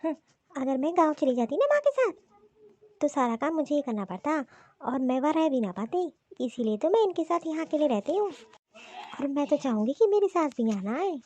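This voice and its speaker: A woman's voice: high voice, very animated, fairly quick, warm tone, no room sound. A woman voicing a selfish young wife in a Hindi cartoon, stubborn and insistent.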